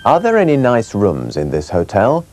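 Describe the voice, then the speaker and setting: A man leads a scripted English lesson at an unhurried pace. His lowish voice swings widely up and down as he sounds out each word for repetition. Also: huge pitch swings, darkish tone. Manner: slow, clearly articulated drilling of words. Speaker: language teacher.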